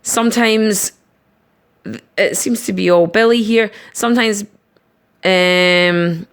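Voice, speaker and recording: A woman teacher giving a recorded online lesson, patiently explaining each step slowly. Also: medium pitch, clear, resonant tone. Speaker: primary school teacher.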